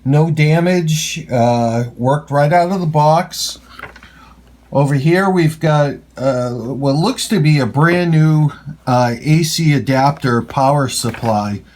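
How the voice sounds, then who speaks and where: A man with a higher, darkish voice casually demonstrates a gadget hands-on as a hobbyist reviewer. He halts and pauses mid-phrase, coming across as skeptical and opinionated.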